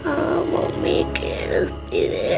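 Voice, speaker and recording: A man's voice: a little slow, close to an everyday voice. A child actor playing the spirit of a lost young boy who pleads and cries for his mother. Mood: whispering. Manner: pleading, weepy, whispery. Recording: with loud music behind.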